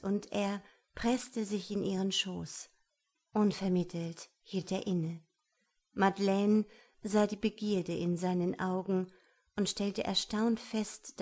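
Female audiobook narrator, unhurried, measured, intimate delivery. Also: mid-range voice, darkish tone. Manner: slow, measured, intimate reading. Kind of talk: scripted narration.

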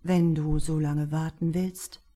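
A woman reading an audiobook, voicing a reserved, cool male author in a lower, measured voice. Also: flat delivery, warm tone.

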